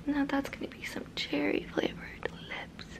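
A woman in her twenties, an ASMR creator, whispers a roleplay from a small bedroom, her breathy, mostly unvoiced voice very close to the microphone. She speaks softly and haltingly, slowly repeating words.

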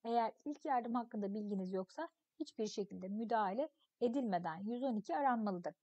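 Female teacher, high voice, expressive story reading, dry close sound. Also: fairly quick, no echo. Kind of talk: reading a story aloud in a lesson.

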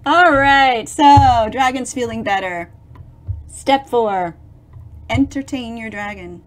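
Reading a picture book aloud for small children, this middle-aged woman speaks at a fairly high pitch. Her delivery is expressive and theatrical, and she pauses to explain parts of the story with dramatic weight.

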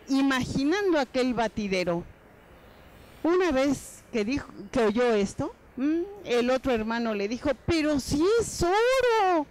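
A woman telling a folk tale aloud as a guest on an educational program, slowing down for dialogue and dwelling on vivid words. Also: on the high side, low-quality recording. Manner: expressive, slows down for dialogue and drawn-out words. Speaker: storyteller guest. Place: educational TV studio.

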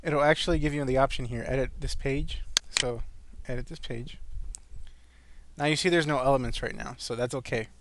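A man's voice: medium pitch, normal speed, background noise. A man presenting an informal screencast tutorial, slightly wheezy and breathing a little hard as he talks through each step. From California, where he lives. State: breathing a little hard after an asthma attack. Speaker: online marketing tutorial presenter.

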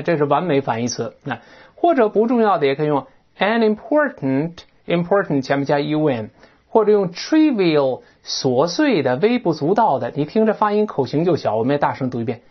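Male English teacher, husky and animated, heard on a dull lo-fi recording. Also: on the high side. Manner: animated explaining with rhetorical questions and asides. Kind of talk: recorded vocabulary and text lesson.

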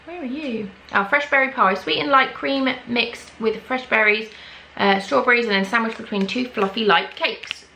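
A young English woman chatting excitedly as she tries snacks on her vlog at home, gasping at what she finds. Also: a little high, moderate pace, gravelly, a little hiss or hum, low-quality recording. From England. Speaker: vlogger. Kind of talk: casual snack-tasting vlog.

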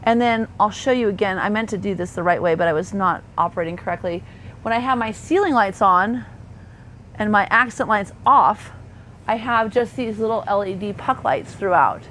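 A woman with a mid-range, slightly bright voice speaks at a moderate pace. As an RV sales associate, she tours the inside of a parked motorhome thoroughly, chatting with fillers and self-corrections amid a faint hum of air conditioning.

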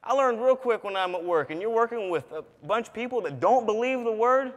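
High-voiced young man preaching in a hall. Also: brisk, muffled recording. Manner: animated, shouting for emphasis. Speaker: student preacher. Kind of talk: sermon. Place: large church sanctuary. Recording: reverberant church hall.

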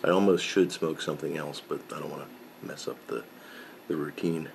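A very deep, fairly even voice with vocal fry, moving a little fast over background noise, belongs to a middle-aged woodworking channel host who smokes a pipe. He chats casually to camera in his home workshop, pegboard of tools behind him, rambling, self-correcting, and using frequent fillers.

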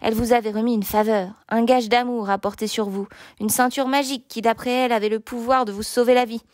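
A woman's voice: on the high side, steady tone, fast talker, a little mellow, dry recording, clean studio sound, lightly acted. A woman voicing a huge male knight in a storybook reading, taunting and sneering. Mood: explaining. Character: huge mocking male knight, later a kindly lord.

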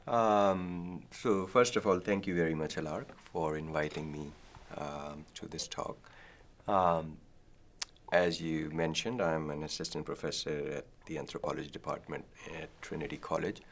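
Deep, gravelly-voiced man from Pakistan. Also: steady tone, slight background noise. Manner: thoughtful, many ums and pauses. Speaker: guest, professor. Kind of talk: academic interview. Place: dark studio set, seated.

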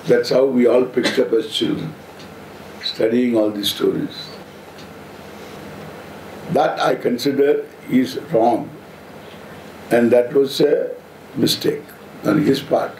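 A man in his seventies with a South Indian accent, giving an informal spiritual discourse in halting, deliberate phrases with playful humour. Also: medium pitch, steady tone, a little mellow. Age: 70s. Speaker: spiritual teacher, swami. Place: seated on stage before an audience, indoors. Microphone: stand microphone close in front. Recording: roomy echo, audible background noise.

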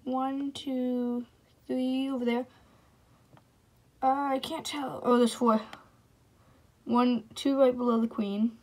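A young woman chatting casually off camera while filming her ant colony, excitable and sometimes dropping to a whisper. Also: high voice, slow pace, long pauses. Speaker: ant-keeping vlogger. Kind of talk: casual off-camera vlog narration.

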